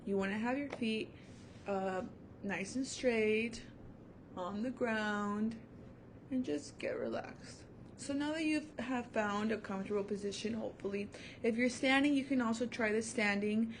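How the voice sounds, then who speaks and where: A woman's voice: a little high, normal speed, slight background noise. A young adult woman, a music teacher, giving a recorded online lesson to children in an upbeat, encouraging way, with many fillers, seated at home before her camera. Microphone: camera mic.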